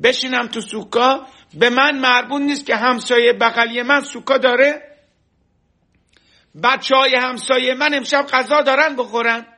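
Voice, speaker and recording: A man teaching a religious lesson through a story, telling it lively and acting out the voices of the people in it. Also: very high voice. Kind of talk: storytelling sermon. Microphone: online class stream.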